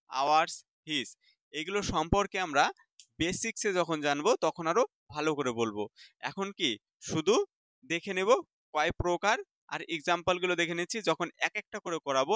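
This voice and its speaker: A man's voice: fairly high pitch, sharp tone, dry recording. A man teaching English grammar in Bengali, asking questions and answering them himself, repeating key terms. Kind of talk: classroom lesson in Bengali.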